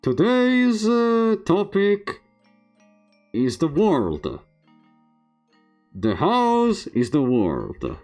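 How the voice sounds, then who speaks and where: Man playing a halting, higher-pitched teacher reading reversed text. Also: wildly swooping pitch, a little mellow, faint music behind, exaggerated voice. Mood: halting lecturing. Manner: halting, stumbling word by word while deciphering reversed text. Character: formal schoolteacher lecturing a class in a video game. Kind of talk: reading game dialogue aloud.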